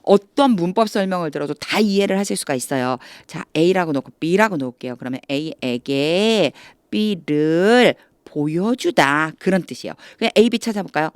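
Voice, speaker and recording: A woman teaching English through Bible reading, who explains step by step, asks the viewer questions and reads English phrases slowly before explaining them. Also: on the low side, expressive, no echo. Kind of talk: explanatory lesson.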